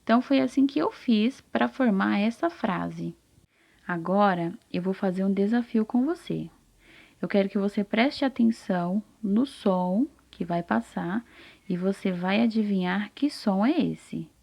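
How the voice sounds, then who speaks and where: A Brazilian woman teaching young children to read, with a slightly gravelly edge to her voice. She moves at an unhurried pace and drags out each syllable. She often stops to check that the child is still with her. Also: mid-range voice, a little mellow. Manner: slow, deliberate, stretches out syllables and checks in often. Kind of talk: recorded literacy lesson for young children.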